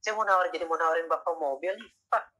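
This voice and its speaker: A man's voice: a little high, rapid-fire, bright, forceful tone. A man acting out an eager male car salesman who pushes a family car and keeps calling the buyer sir, over a video call. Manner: pushy, tacks a polite "sir" onto every phrase. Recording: tinny video-call audio.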